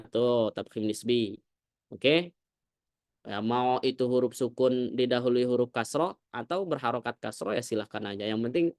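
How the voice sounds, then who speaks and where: A male Quran recitation teacher giving a tajwid lesson to a congregation, demonstrating Arabic sounds slowly and often asking if it is clear. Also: fairly high pitch, no room sound, studio quality.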